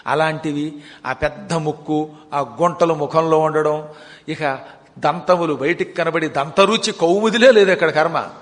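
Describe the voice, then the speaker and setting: Male devotional storyteller, high-pitched, dramatic with humorous asides, recorded in a reverberant hall. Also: a bit bright. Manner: dramatic, slows down for vivid descriptions, joking asides. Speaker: religious storyteller.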